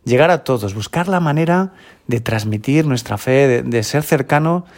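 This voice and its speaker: A man's voice: mid-range voice, expressive, moderate pace. A Spanish-accented man, a school chaplain, giving a conversational homily and often ending phrases with a questioning tag. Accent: Peninsular Spanish. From Spain.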